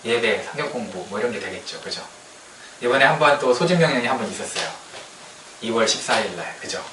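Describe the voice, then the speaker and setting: A man's voice: mid-range voice, expressive, brisk. Man preaching a chatty sermon in an echoey church. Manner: conversational, keeps asking the congregation "right?"; joking asides. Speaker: pastor. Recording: echoey room, distant mic, faint noise.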